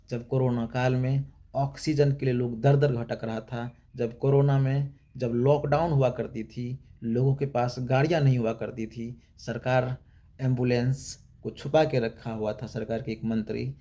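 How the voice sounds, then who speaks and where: A man's voice: mid-range voice, gravelly, warm tone. A young man from Bihar hosting his own channel, delivering an impassioned political monologue in repeated rhetorical lines. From Bihar, India. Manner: rhetorical and repetitive, building emphatic lists. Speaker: YouTube channel host.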